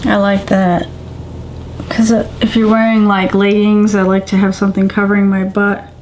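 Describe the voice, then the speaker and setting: A woman's voice: medium pitch, little pitch movement, moderate pace, darkish tone, slight background noise. A middle-aged woman chatting casually to camera as she unboxes items, with gushing exclamations among plain remarks. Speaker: vlogger unboxing a subscription box. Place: indoors, home living room on a couch.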